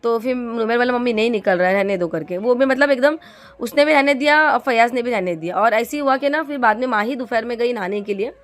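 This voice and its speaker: Chatty middle-aged woman, somewhat high voice. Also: fairly quick. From India. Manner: chatty, rambling, many fillers and restarts. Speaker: vlogger. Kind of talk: casual storytelling to viewers.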